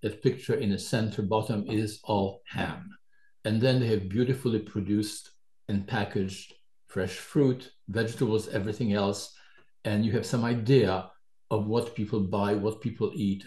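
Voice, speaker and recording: A man's voice: lowish voice, steady tone, mellow. Older Polish-born male professor, echoey hall. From Poland. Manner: measured, explanatory, dry asides. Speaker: professor co-leading a lecture series. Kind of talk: university lecture introduction. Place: large lecture hall.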